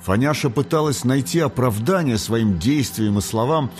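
A man reading an audiobook in a measured storytelling manner. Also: mid-range voice, lively intonation, darkish tone, soft background music. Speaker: audiobook narrator. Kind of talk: scripted narration.

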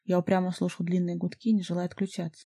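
A woman reading a first-person novel aloud as an audiobook, in an even storytelling manner. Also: lowish voice, quick pace, vocal fry. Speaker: audiobook narrator.

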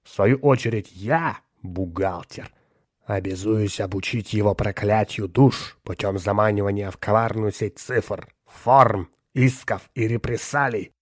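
Man doing a cold, commanding old accountant for an audiobook: low, slow and solemn, very dry sound. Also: no room sound. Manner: slow, measured, solemn proclamations. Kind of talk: audiobook character voice.

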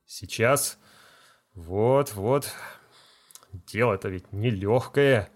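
A man's voice: fairly low pitch, drawn-out words. A man playing a pompous, self-important village medical assistant who lectures and scolds. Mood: lecturing.

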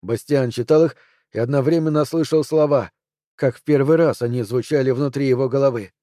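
A man narrating a horror audiobook in a steady, measured way, spelling out letters in a low voice. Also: no echo, studio quality.

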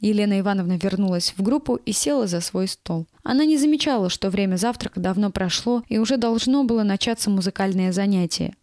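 A woman's voice: medium pitch, fast talker, few pauses, a little mellow, dry recording. Woman narrating a story, dry close voice. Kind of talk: first-person audiobook narration.

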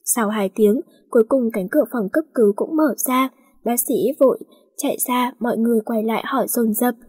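A woman reading a romance story aloud in a steady, plain voice. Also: fairly high pitch, fairly quick, breathy edge.

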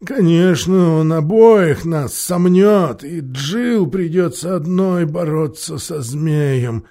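A man voicing a gloomy male marsh creature who speaks with drawn-out caution. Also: on the high side, animated, dark tone. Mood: grave.

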